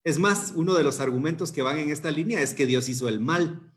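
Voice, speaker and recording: A man preaches at a youth service. His voice sits somewhat high for a man, and he keeps a conversational tone with rhetorical questions and small restarts. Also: fairly quick. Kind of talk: sermon.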